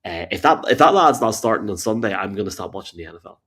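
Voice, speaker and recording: A man's voice: lowish voice, lively intonation, quick pace, a bit bright. An Irish man hosting a sports podcast in casual, conversational style. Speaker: podcast host.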